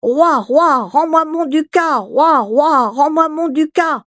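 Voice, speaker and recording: A woman voicing a small, plucky, stubborn cockerel in a high, insistent sing-song chant. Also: lively intonation, takes it slowly, no echo, exaggerated voice.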